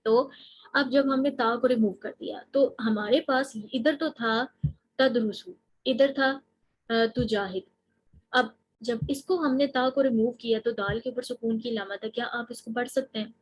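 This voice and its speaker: A woman's voice: a little high, steady tone, a little slow, low-quality recording. A woman teaching an Arabic grammar lesson, explaining each step patiently and asking her students questions as she goes. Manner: explains step by step, mixing in English terms and asking the class questions. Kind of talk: recorded lecture.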